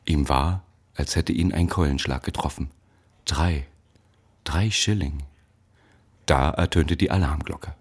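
A man reading a story aloud in a measured, dramatic narrating manner. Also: a bass voice, steady tone, husky. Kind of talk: audiobook narration.

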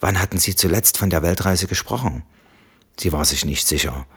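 A man reading an audiobook novel in calm, even scripted narration. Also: low voice, moderate pace, husky.

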